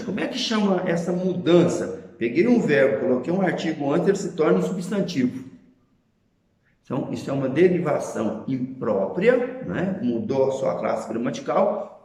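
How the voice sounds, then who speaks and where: A man's voice: on the high side, sing-song, normal speed, dark tone, roomy sound. A man with a Brazilian Portuguese accent teaching a grammar lesson, explaining patiently and often checking in with short tag questions.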